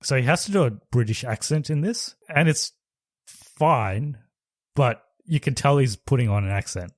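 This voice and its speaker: Here a man co-hosts a relaxed film podcast, meandering through his thoughts with hedges and lots of laughter. His medium-pitched voice is expressive and moves at a moderate pace. The studio sound is clean, with no echo.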